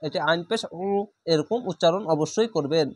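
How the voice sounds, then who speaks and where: A man teaching Quran reading step by step. He draws each Arabic word out slowly, says it twice, then patiently explains how to pronounce it. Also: on the high side. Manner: stretches Arabic words slowly, then explains the rules plainly. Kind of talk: step-by-step recitation lesson.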